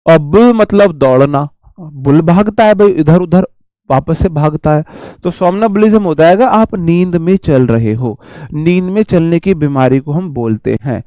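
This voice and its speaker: With a slightly high, warm voice and no room sound, a man teaches vocabulary for an online exam-prep class. He chats, repeats himself, uses homely examples to explain words, and addresses viewers as his brother.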